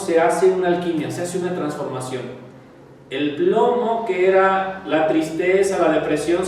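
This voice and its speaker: A man giving a spiritual talk, swinging from loud emphasis to quiet asides. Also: fairly high pitch, a little hiss or hum. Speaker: spiritual teacher. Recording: echoey hall, mic far off.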